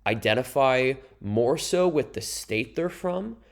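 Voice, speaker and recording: A man's voice: medium pitch, lively intonation, takes it slowly, gravelly. A young man teaching a history lesson over slides, explaining in a casual, conversational way with asides to his students. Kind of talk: recorded classroom lecture over slides.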